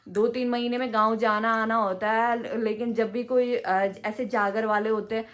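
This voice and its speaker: A woman's voice: a little high, level tone, normal speed, a bit bright. Chatty, indignant woman vlogger. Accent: Hindi with Garhwali hill-village roots. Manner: chatty, indignant, many fillers and restarts. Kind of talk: casual vlog storytelling.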